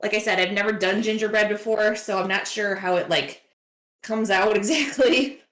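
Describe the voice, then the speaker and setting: A woman's voice: medium pitch, normal speed, a bit bright, reverberant. A woman hosting a baking livestream, chatting casually and rambling with lots of "like" fillers. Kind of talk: casual chat while baking. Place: home kitchen.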